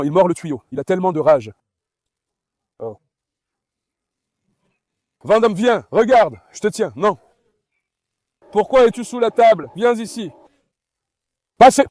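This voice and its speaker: High-voiced man coaxing his dogs. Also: darkish tone, dry recording, clean studio sound. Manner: coaxing, calls to the dogs while talking to viewers. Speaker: farm vlogger with dogs. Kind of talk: casual vlog commentary.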